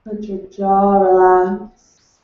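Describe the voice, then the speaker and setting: Slow, soothing woman guiding a meditation. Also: mid-range voice, little pitch movement. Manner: slow, soothing, unhurried instructions. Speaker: meditation guide. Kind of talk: guided meditation. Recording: distant, echoey and dull.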